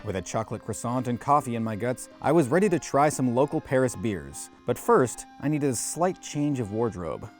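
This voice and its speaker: A man hosts and narrates a travel vlog in scripted voice-over. His delivery is dry and tongue-in-cheek, at an ordinary middle pitch. Soft music plays faintly underneath. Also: very animated, normal speed, hardly any pauses. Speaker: host and narrator.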